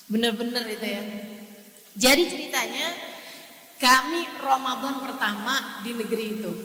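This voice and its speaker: A woman's voice: on the high side, sharp tone. A woman from Indonesia preaching in a casual storytelling way, addressing her listeners directly and animatedly. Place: mosque hall. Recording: echoey hall, distant mic, faint hiss.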